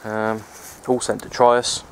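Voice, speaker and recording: An outdoor radio hobbyist vlogs from an open wooded hilltop, holding a handheld camera and speaking into its built-in mic as wind and ambient noise come through. He rambles casually in a resigned, low-key way, repeating himself, with little pitch movement and a slightly slow pace.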